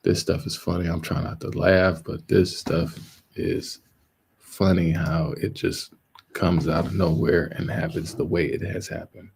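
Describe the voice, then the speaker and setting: A man's voice: sits low, flat delivery, a little slow, creaky, a little mellow, slight background noise, low-quality recording. A man hosting a live stream, talking in a loose, rambling, joking way that often breaks into laughs. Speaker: livestream host. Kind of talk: casual livestream commentary.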